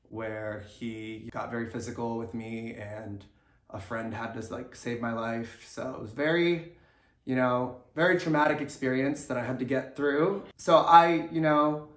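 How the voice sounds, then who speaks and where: A man co-hosting a couple's vlog, telling a personal story in an earnest, hesitant way. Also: medium pitch. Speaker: co-host of a couple's channel. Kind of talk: casual chat, personal story. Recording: echoey room, faint music.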